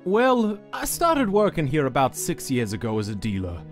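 A suave cartoon casino manager with a dice for a head, performed by a man. His delivery is lively and showy, smooth as he tells his tales, with music underneath. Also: fairly high pitch, moderate pace. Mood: suave, businesslike. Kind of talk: animated comic dub.

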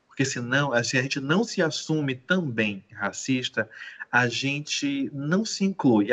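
A man giving a measured, explanatory talk in an educational conversation, often rephrasing himself. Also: mid-range voice, a bit bright. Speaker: guest lecturer.

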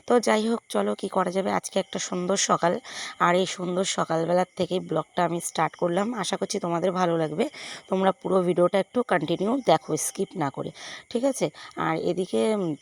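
Hoarse, gravelly woman chatting at home. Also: lowish voice. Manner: chatty, rambling, with many fillers. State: hoarse from a cold. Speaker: vlogger. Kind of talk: casual home vlog chat.

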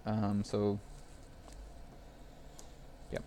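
A man's voice: fairly low pitch, completely flat delivery, extremely slow, dark tone, slight background noise. A young man chatting casually with viewers on a live stream while repairing a phone at his workbench, rambling and laughing as he goes.

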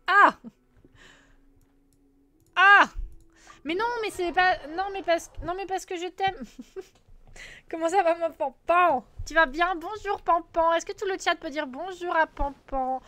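A Twitch streamer chats live with her viewers in a playful, teasing way, humming and singing syllables between lines. Her voice is very high, a bit bright, and she talks a little slowly.

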